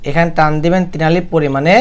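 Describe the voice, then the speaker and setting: High clear-voiced man chanting slowly. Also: steady tone. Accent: Bangladeshi. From Bangladesh. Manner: alternates slow drawn-out chanting with quick spoken explanation. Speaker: Quran recitation teacher. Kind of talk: recitation lesson.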